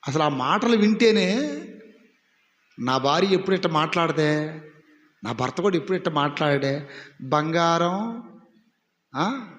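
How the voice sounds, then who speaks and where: A man's voice: a little high, lively intonation, normal speed, pauses often, a bit bright. A man preaching a sermon as pastor, putting rhetorical questions to his congregation. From India. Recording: echoey hall with long reverb.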